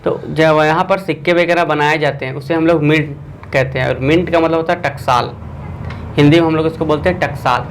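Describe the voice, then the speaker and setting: A man's voice: on the high side, fairly even intonation, fairly quick, slight background noise, rough recording. Man teaching an online exam class. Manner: quizzing viewers with a repeated filler.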